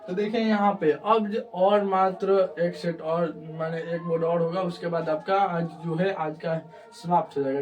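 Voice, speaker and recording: High-voiced man teaching grammar online. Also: far from the mic. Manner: repeats checks of understanding.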